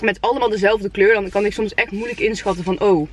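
A woman's voice: medium pitch, steady tone, fast talker, slight background noise. A young woman chats casually and informally to her viewers as a vlogger. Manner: chatty, informal, addressing viewers. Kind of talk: casual vlog chat.

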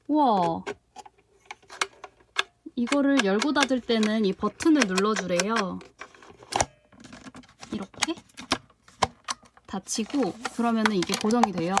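A young woman vlogger walks through a toy unboxing in a relaxed, chatty way. She keeps breaking into delighted exclamations. Her voice sits somewhat high, and a clear hiss and little clicks run under the recording. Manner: excited gasps and exclamations while handling the product. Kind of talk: casual unboxing review.

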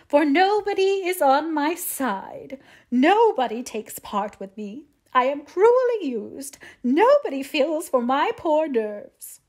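Whiny scolding mom from a storybook, really high voice, super melodramatic, poor-me act. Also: female voice, sing-song, moderate pace. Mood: melancholy, wailing. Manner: melodramatic, plaintive complaining. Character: querulous, self-pitying middle-aged mother, scolding and theatrical. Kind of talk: audiobook character voice.

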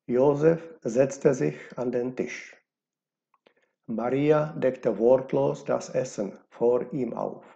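A man reading a novel aloud as scripted narration, measured and unhurried. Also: mid-range voice, vocal fry, warm tone. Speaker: audiobook reader. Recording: dull lo-fi recording.

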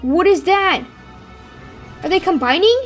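Excitable high-voiced woman gaming. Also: unhurried, soft background music. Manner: excitable, yelps and squeals when things go wrong. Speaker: gameplay streamer. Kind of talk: playful gameplay commentary.

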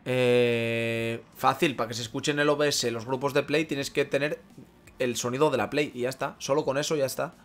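Excitable Spanish-speaking streamer man. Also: medium pitch, moderate pace. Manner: excitable, swears, mock-preaching rants at chat. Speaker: streamer playing a football career mode. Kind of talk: casual gaming commentary to chat.

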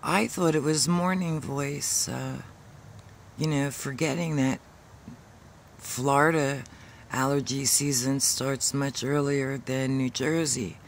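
Slow, gravelly woman with an allergy rasp. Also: rumbling low, fairly even intonation, a little hiss or hum. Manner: rambling, chatty, emotional. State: hoarse from allergies. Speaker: vlogger. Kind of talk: casual vlog while walking outdoors. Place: outdoors by a pond.

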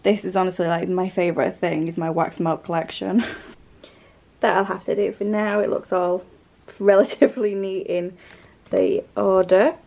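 A woman's voice: fairly low pitch, little pitch movement, unhurried, creaky, mellow. A young British woman in her twenties chatting casually in a home haul vlog, upbeat and rambling with fillers. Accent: British English. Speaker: vlogger. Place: home living room, indoors.

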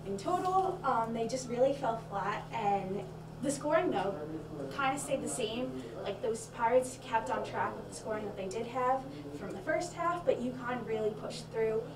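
With a higher voice and an animated, moderate-paced delivery, a young woman co-hosting a student basketball show breaks down the game chattily, piling on stats and fillers. Her handheld mic sits far away in a small, echoey studio set against a stadium backdrop, with crowd noise behind.

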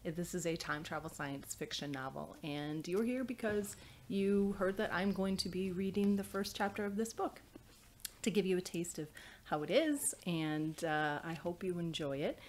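A woman in her thirties, an author, reads from and presents her novel in a small indoor study lined with bookshelves. Her delivery is scripted, audiobook-style narration, with a lowish, darkish voice at a moderate pace, and a little hiss or hum can be heard.

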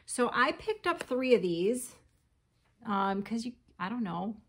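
A woman's voice: fairly high pitch, very animated, slow, breathy edge. A woman in her forties chatting casually about her yarn haul at her kitchen table, laughing often and reading yarn labels aloud. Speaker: crochet vlogger. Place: home kitchen, indoors.

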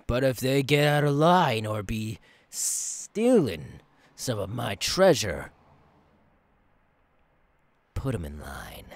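A man playing a menacing, gleefully cruel clown pirate captain in an ASMR role-play, with a raspy, theatrical drawl that swings between hushed threats and barks. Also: on the low side, no room sound, exaggerated voice. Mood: commanding. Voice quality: raspy, gravelly.

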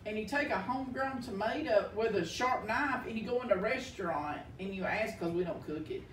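A woman with a Southern US accent who stretches out her words in casual chat. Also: medium pitch. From Alabama, US. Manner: drawn-out words. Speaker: vlog co-host. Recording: roomy, distant mic, faint noise.

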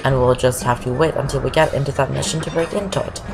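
Speaking fast with vocal fry and fairly even intonation, a woman with an extremely low voice gives rambling, casual commentary on a game walkthrough. She's from Norway, doesn't speak English natively, says "I guess" often, and talks over loud game music.

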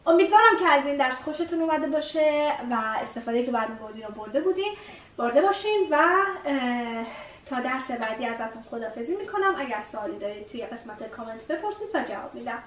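A woman's voice: high-pitched, animated, recorded from a distance, a little hiss or hum. A woman teaching English vocabulary, repeating each new word several times as she explains it. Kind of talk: vocabulary lesson. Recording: echoey room, voice a bit off-mic.

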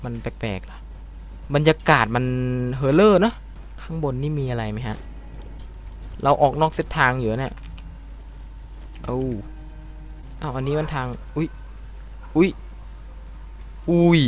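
A young man hosting a let's play video, commenting on his gameplay casually, swearing and swinging between startled shouts and low mutters. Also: a little slow, long pauses, a little hiss or hum. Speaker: gaming channel host.

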